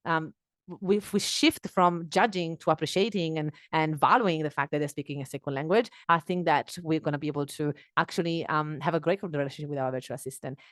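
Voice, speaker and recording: On her one-person podcast, a thirtysomething non-native English speaker talks fairly quickly in a deep voice, earnest and lively, often using fillers and restarting sentences. She records on a headset mic in a small home office, and the sound is clean and studio-like, without echo.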